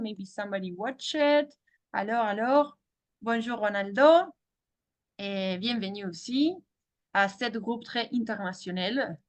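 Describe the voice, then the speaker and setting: A woman with a French accent teaching an online class, switching between French and English and often repeating her words. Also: high voice. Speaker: French teacher hosting a webinar.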